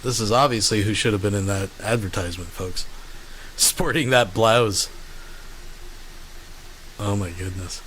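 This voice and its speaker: A man's voice: fairly low pitch, unhurried, pauses often, a bit bright, poor audio. A man talking casually and loosely on a livestream, as if to his viewers. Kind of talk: rambling casual livestream chat. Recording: faint ambient background noise.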